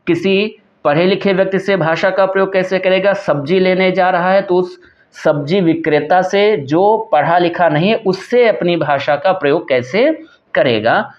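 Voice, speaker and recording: A male teacher giving an exam prep lecture, explaining step by step, reading out each question and asking and answering himself. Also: high voice. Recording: dull lo-fi recording.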